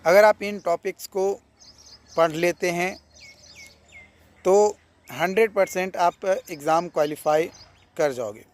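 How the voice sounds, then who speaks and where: A man's voice: sits high, takes it slowly, long pauses. A man giving casual exam advice to students as a coaching teacher, repeating key points and checking in with "theek hai".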